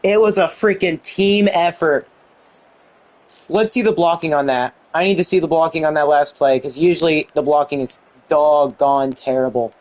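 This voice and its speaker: Young dude with a high voice hyping up his football game, lots of oh my lord and freaking. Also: moderate pace. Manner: excitable, exclaiming, mild swearing. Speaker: gaming YouTuber. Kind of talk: excited game commentary.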